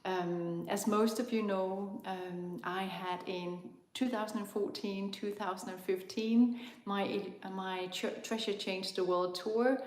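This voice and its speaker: A Danish-accented woman from Denmark hosting a live online spiritual talk, speaking gently and searching for words with frequent ums. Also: mid-range voice, echoey room. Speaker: spiritual host of an online tour.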